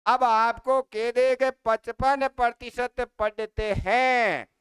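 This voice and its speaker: A man teaches an exam-prep maths lesson at an unhurried pace. His voice is very clear and smooth, recorded close on a dry mic. He asks the class a question, repeats it, then answers it himself. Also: extremely high pitch, fairly even intonation, a bit bright, no room sound.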